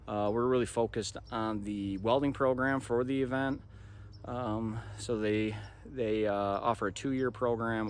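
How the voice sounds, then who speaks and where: Low-voiced American man, casual vlogger. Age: 30s. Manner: informal, conversational. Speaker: vlog host. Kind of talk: casual vlog recap to camera. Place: outdoors, park path and parking lot. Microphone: phone at arm's length. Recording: faint outdoor background noise.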